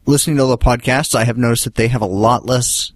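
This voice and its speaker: A man's voice: mid-range voice, fairly even intonation, fast, no room sound. A man co-hosting a podcast in casual chat, laid-back and rambling, with self-deprecating jokes and casual swearing. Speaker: podcast co-host.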